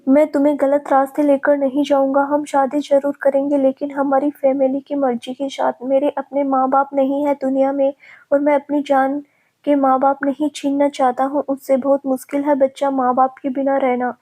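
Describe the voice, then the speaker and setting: A woman's voice: sits high, normal speed, natural voice. A woman voicing a tender, protective young lover. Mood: earnest. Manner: calm, reassuring, persuasive.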